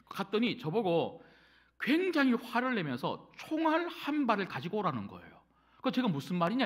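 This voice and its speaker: A middle-aged male pastor preaching a sermon in a church, telling a personal story and speaking straight to the congregation. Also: high voice. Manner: animated storytelling, addresses congregation directly. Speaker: senior pastor. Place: church sanctuary.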